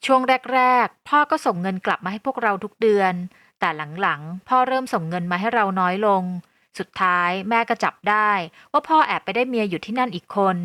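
A woman narrating a first-person audio novel in a calm, even storytelling voice. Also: mid-range voice, dry recording.

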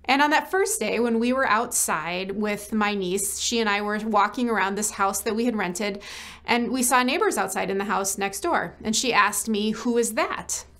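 Gentle storytelling woman giving a devotional. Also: mid-range voice, normal speed. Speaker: church ministry staff. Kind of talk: short devotional message.

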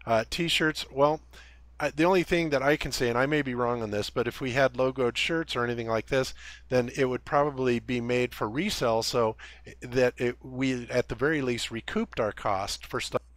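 A man's voice: medium pitch, moderate pace, fairly bright tone, no room sound. A man in a call meeting, speaking tentatively and hedging his points. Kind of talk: conference call discussion.

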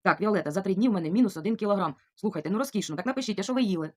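A middle-aged woman from Ukraine talks quickly and chattily in a casual vlog, her voice at an ordinary middle pitch. She reads out viewer comments and thanks each person again and again. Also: animated. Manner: warm, chatty, repeats thanks over and over. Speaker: vlogger answering viewer comments. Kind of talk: casual chat.

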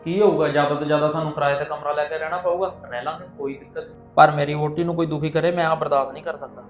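A man's voice: fairly high pitch, fairly even intonation, racing, highs cut off, soft background music, lightly acted. A man playing a young husband caught between his wife and his mother. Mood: earnest. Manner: earnest, pleading. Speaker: husband and son. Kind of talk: family skit acting.

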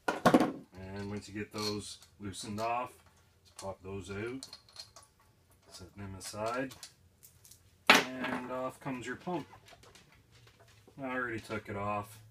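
Crouched in an indoor garage or shed and filming himself, a young DIY host slowly walks through a repair in a casual how-to. He speaks plainly and practically with a fairly low pitch and lots of fillers, recorded on a phone mic with faint noise.

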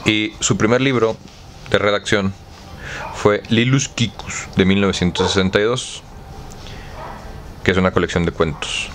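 Deep-voiced Mexican man, slangy and casual. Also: fairly even intonation, unhurried, pauses often, a bit bright, a little hiss or hum. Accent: Mexican Spanish. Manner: slangy, irreverent and conversational. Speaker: book club host. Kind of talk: casual book commentary.

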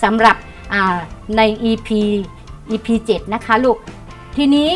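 A middle-aged woman teaching young pupils in an online lesson. She coaxes them along and reads words aloud slowly so they can repeat after her. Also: a little high, faint music behind. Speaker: primary school teacher.

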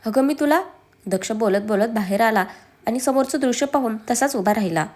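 A woman narrating a serialized family story, expressive and reading every character herself. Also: on the high side, a little fast.

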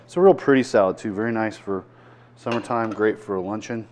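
This chef and cooking show host is a man in his 60s with a lowish voice, talking fairly quickly through a casual cooking demonstration. Wearing a lapel mic in an indoor restaurant dining room, he keeps up a relaxed, chatty patter, explaining each step as he works.

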